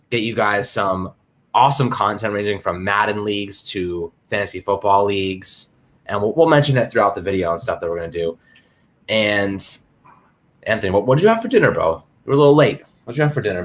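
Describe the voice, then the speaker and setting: A man hosts a casual sports livestream in a somewhat low voice. He talks in excited slang and reads chat names aloud as he goes. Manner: hyped, slangy, greets chat viewers. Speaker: livestream host.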